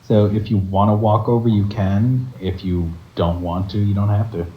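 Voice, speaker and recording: A man's voice: lowish voice, fairly even intonation, moderate pace. A man narrating as game master of a tabletop game, hesitant and full of fillers, in a dull, echoey recording with background noise.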